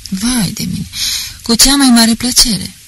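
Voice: mid-range voice, a bit bright, slightly rough, voice pushed up, poor audio. An audiobook reader voicing a boastful, talkative middle-aged police officer who rambles pompously. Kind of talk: audiobook character reading.

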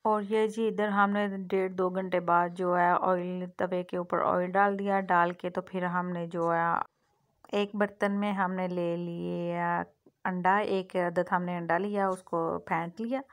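A woman's voice: lowish voice, little pitch movement, measured pace. A woman hosting a home cooking vlog, chatting casually as she cooks and often saying "theek hai" and "mashallah". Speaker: cooking channel host. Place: home kitchen.

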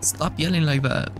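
A man plays through a horror game as a scared streamer, his pitch swinging widely while he talks at an unhurried pace. His commentary is casual, campy and sassy, full of jumpy, dramatic reactions, with music playing behind him. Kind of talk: casual let's play commentary.

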